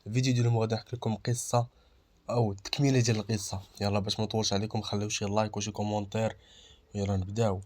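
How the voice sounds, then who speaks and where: A man with a Moroccan accent narrating a first-person mystery story in a steady storytelling manner. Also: on the low side, racing.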